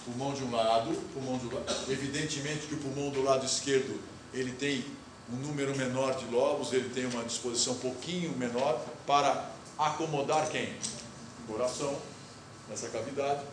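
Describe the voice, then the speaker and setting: Guy teaching a class, drawing on the board as he goes, recorded from way back in a booming hall. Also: fairly even intonation, brisk, distant mic. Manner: explains step by step while drawing on the board, asks the class questions. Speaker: university lecturer. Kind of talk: classroom lecture. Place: lecture hall. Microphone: recorder far off in the room. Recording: echoey hall recorded from afar, noisy.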